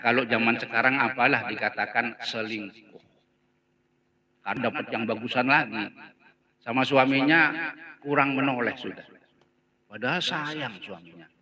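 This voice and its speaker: A man's voice: mid-range voice, bright, forceful tone, poor audio. A man with a Banjar Indonesian accent preaching at a religious gathering, telling stories with jokes and often laughing as he acts out the voices. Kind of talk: humorous sermon storytelling. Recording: crowd heard at a live gathering.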